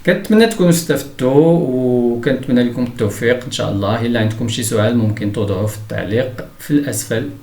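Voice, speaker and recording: A man with a Moroccan Arabic accent gives a grammar lesson at a middle pitch. He switches between brisk explanation and slow, careful reading of example sentences. The sound is roomy, with noticeable echo off the walls. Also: a little mellow. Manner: mixes Arabic explanation with slowly read French examples. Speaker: teacher.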